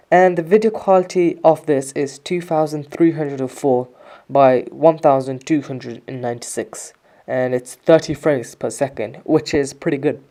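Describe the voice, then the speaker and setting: Mellow dark voice, mid pitch, casual product review, informal, explanatory step-by-step narration.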